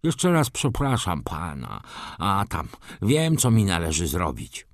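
A man voicing a vain, flustered nobleman in an audiobook, talking in a shrill, fussy voice. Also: huge pitch swings, slow pace, dry recording, studio quality, full character voice. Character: shrill vain old-school male baron.

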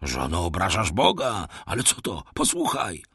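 A man's voice: low voice, huge pitch swings, normal speed, gravelly, a bit bright, breathy edge, no room sound, clean studio sound, heavily acted. A man reading an audiobook and voicing a nervous, greedy middle-aged innkeeper who talks in a jittery, pleading way. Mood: uneasy. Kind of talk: audiobook character voice.

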